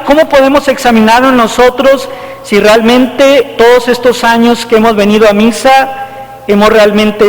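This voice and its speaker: A man, a parish priest preaching a homily in a conversational style, often tagging rhetorical questions onto his points. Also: high voice. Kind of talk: sermon. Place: church. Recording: long church reverb.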